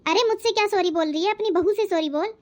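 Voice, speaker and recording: A woman's voice: very high-pitched, fast talker, darkish tone. A woman voicing a blunt, lecturing aunt. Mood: reproachful. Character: outspoken older aunt, blunt but fair-minded. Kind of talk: cartoon voice acting.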